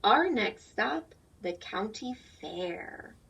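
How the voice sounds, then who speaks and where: A woman with a medium-pitched, gravelly, husky voice that is a bit bright speaks extremely slowly, her pitch swinging widely. She is a teacher reading a picture book aloud to young children, explaining things simply and asking them questions. The recording is dull and lo-fi, captured far from the mic.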